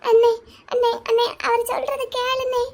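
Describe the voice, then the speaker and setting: A woman's voice: very high voice, level tone, normal speed. A woman voicing a timid, tearful young sister in a Tamil cartoon, pleading with her older brother. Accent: Tamil Nadu Tamil. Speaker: cartoon character.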